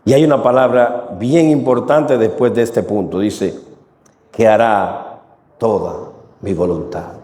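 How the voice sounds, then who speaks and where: A man's voice: fairly low pitch, measured pace, dark tone. A man preaching a sermon to his congregation, asking them rhetorical questions. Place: church. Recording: echoey church hall.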